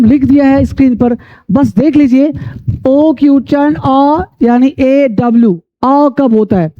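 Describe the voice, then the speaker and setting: A man teaching English pronunciation, repeating rules and spelling letters out slowly. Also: very high voice. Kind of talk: classroom-style lesson. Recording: dull lo-fi sound.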